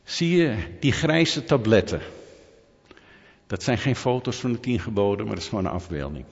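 A man's voice: lowish voice, animated, normal speed, vocal fry. Man preaching in a reverberant hall. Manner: emphatic, asks the audience rhetorical questions. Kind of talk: sermon. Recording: long reverb, dull lo-fi sound.

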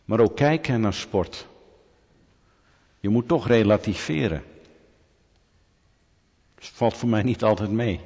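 A pastor preaching a sermon, telling lively stories with humorous asides and questions to the congregation. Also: male voice, lowish voice, takes it slowly, pauses often, slightly rough, long reverb tail, muffled recording.

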